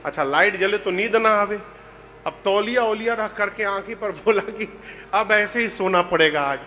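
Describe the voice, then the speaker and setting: A man with a Bhojpuri-tinged Hindi accent giving a humorous devotional sermon, telling rustic, joking stories in a lively way, recorded in a reverberant hall with music behind. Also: high voice, normal speed. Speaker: religious storyteller.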